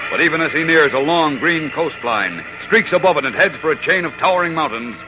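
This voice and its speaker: An actor narrating a 1940s radio adventure serial in an urgent, declamatory style. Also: male voice, on the high side, lively intonation, brisk, natural voice. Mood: urgent, dramatic. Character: dramatic adventure-serial announcer. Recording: muffled old radio, loud music behind.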